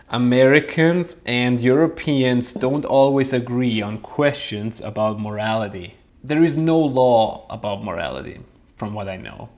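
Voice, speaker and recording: A young man from Switzerland chatting casually to camera as a vlogger, thoughtful and a little hesitant, often breaking into light chuckles. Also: mid-range voice.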